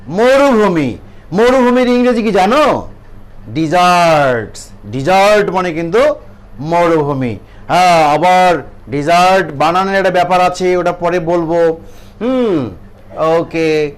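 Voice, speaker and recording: High-voiced, unhurried Bangladeshi man teaching. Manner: asks questions and answers them himself. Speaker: English teacher. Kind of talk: classroom lesson.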